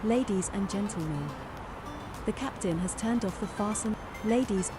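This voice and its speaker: A woman's voice: medium pitch, music in the background, lightly acted. A woman recording a polite cabin crew announcement. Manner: polite, formal, measured. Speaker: flight attendant.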